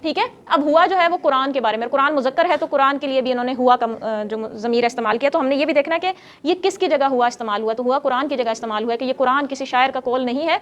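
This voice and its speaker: A woman's voice: high-pitched, lo-fi sound. A woman teaching a grammar class who explains step by step, quizzes her students and scolds them when they get noisy.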